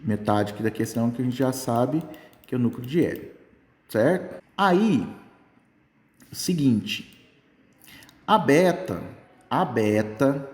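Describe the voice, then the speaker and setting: A man gives a casual Brazilian Portuguese physics lesson for exam prep, chatty and checking in with "tá?" at nearly every step. His voice is medium-pitched and a little mellow, in an echoey room with long reverb.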